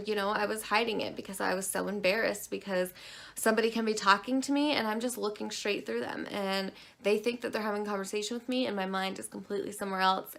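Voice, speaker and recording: A woman's voice: medium pitch, creaky, a bit bright. A woman in her twenties from Maine, chatting casually and rambling animatedly as a beauty vlogger. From Maine, USA. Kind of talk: casual chat.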